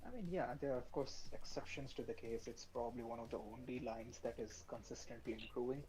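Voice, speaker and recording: A man's voice: medium pitch, fairly even intonation, a little fast, dark tone, soft background music, low-quality recording. A man chatting in a laid-back, matter-of-fact, dry way. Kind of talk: casual chat.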